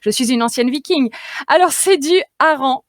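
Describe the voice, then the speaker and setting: Speaking at a moderate pace in a voice that sits high, a woman dietitian livens up a radio nutrition segment with chatty, playful explanations, many fillers and easy laughter. She's recorded in a radio studio on a studio mic, with clean, dry sound.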